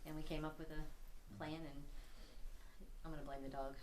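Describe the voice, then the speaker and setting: A woman's voice: deep voice, little pitch movement, moderate pace. Chatty middle-aged woman giving a tour. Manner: chatty, laughs at herself. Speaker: tour guide and building owner. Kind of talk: casual storytelling to a tour group. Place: large old empty building indoors. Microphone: no mic, heard from a distance. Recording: echoey room from far off.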